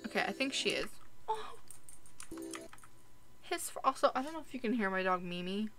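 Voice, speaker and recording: A young woman chats her way through a life-sim game, rambling and talking to the characters on screen. Her voice is bright and sits at a middle pitch. She records at home on a desk mic, wearing headphones. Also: sing-song, normal speed, faint music behind. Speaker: gaming YouTuber. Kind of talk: casual gameplay commentary. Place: home room.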